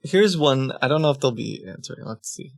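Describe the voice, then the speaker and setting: A man hosting a livestream, chatting in a relaxed, rambling way. His voice has a gravelly edge and sounds dry and close on the mic. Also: medium pitch, fairly quick, no echo. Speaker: streamer and host. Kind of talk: casual chat on a livestream.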